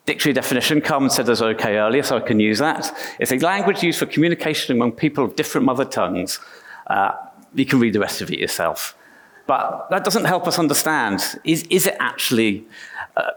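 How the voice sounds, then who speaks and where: A middle-aged Englishman gives a conference talk on stage in a medium-pitched, fairly bright voice. He's chatty and self-deprecating, restarting his sentences often.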